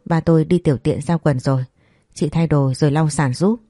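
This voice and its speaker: Gentle dutiful son, calm and reassuring, mellow tone, narrator doing him. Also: mid-range voice, normal speed, no echo, clean studio sound, soft background music, lightly acted. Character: patient, dutiful grown son.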